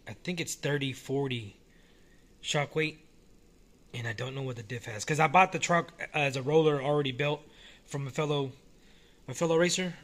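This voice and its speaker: A man casually talking through a hobby model car while filming it one-handed at home, relaxed and rambling with frequent restarts. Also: mid-range voice. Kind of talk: casual off-the-cuff vlog. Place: small indoor room at home.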